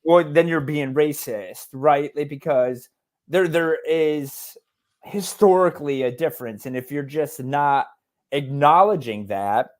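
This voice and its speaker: On a casual podcast, a male co-host with a fairly high, unhurried voice rants bluntly and fiercely, swearing heavily throughout.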